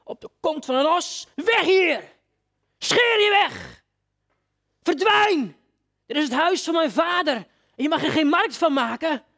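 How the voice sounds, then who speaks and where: A man preacher voicing a furious man driving traders out of a temple, shouting commands in wrath. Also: very high voice, animated, unhurried, creaky, long pauses, voice pushed up, exaggerated voice.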